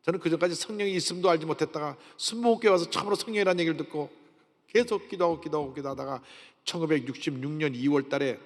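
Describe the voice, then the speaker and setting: A pastor in his sixties preaching a sermon and telling his own testimony, with sudden jumps between quiet and loud. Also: medium pitch. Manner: storytelling with sudden swings in loudness. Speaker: senior pastor. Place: large church sanctuary. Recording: long reverb of a large church hall.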